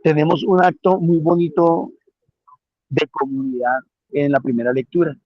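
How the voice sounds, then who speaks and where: A man's voice: a little high, flat delivery, moderate pace, dry recording, muffled recording. A man preaching a homily on the day's readings, earnest and repeating key phrases for emphasis.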